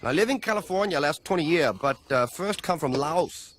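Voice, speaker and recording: An actor voicing a curt immigrant neighbor with a Laotian accent, speaking clipped, broken English in an animated sitcom. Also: male voice, fairly high pitch, normal speed, slight background noise, lightly acted.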